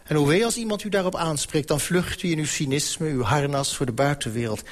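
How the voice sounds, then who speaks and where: A man reading an audiobook voices a persuasive elderly male cardinal who talks smoothly and patiently, quietly domineering. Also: on the high side, a little fast, lightly acted.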